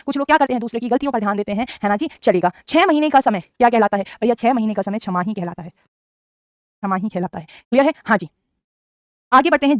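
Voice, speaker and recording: A woman's voice: a little high, dry recording, clean studio sound. A woman teaching Hindi grammar in a live online class, asking questions and repeating each answer, calling her students "beta".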